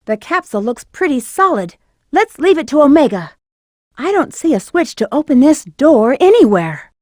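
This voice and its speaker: Rouge the Bat, very high-voiced sassy game heroine. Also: female voice, big pitch swings, moderate pace, darkish tone, no room sound, clean studio sound. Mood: cool, musing. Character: flirty, cool-headed female bat treasure hunter, adult. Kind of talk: video game voice acting, short in-game hints and callouts.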